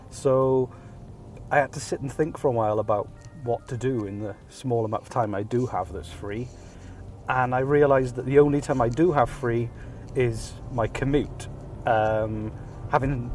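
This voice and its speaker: Medium pitch and a darkish tone mark this Welsh man in his thirties, heard with slight background noise. He hosts a casual, jokey podcast from behind the wheel, a self-deprecating monologue peppered with ums and recorded through a phone hands-free kit.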